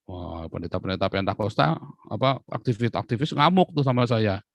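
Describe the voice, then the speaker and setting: Man, middle-aged pastor, sermon, lower voice, dry close sound, playful storyteller. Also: brisk, gravelly, no room sound. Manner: lively, joking storyteller who laughs often. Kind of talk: sermon with personal anecdotes.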